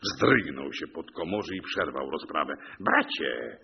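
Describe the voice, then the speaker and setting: A man reciting epic verse in a measured, rhythmic narration. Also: a bass voice, expressive, dull audio, a little hiss or hum.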